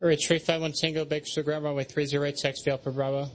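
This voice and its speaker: A man's voice: on the high side, level tone, very fast. A man working as an air traffic controller, giving procedural radio instructions.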